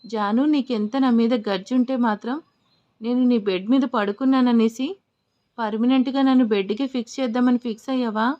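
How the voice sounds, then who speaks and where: A woman plays a teasing young husband in an audio story, mocking and then stern and lecturing. The voice sits a touch high for a man. The sound is slightly dull and lo-fi. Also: steady tone, brisk, natural voice.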